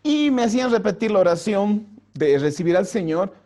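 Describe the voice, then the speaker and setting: Male pastor, personal testimony, high and earnest, raises his voice when he acts out quotes. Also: animated. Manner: drops soft and slow for prayers. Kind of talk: personal testimony to a youth group. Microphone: home mic for an online vigil.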